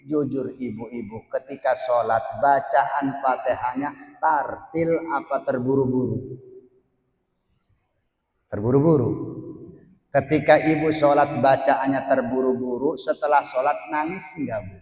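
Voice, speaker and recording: A man's voice: mid-range voice, fairly even intonation, unhurried, a little mellow, highs cut off. A man teaching a religious text. He reads Arabic phrases, glosses each one in Indonesian, and puts questions to the women listening. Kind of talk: reading and translating an Arabic text in a study session. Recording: echoey hall with long reverb.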